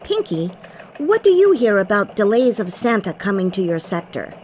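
Woman voicing an elf anchorwoman, crisp newsreader delivery, very lively pitch, faint hiss behind. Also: moderate pace, natural voice. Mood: poised, formal. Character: cheerful female elf news anchor. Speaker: news anchor. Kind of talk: mock radio newscast.

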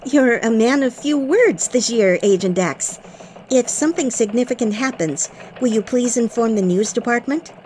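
A woman voicing a cheerful female elf news reporter in a scripted radio broadcast, with a bright newsreader delivery. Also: a little high, normal speed, a little hiss or hum, natural voice.

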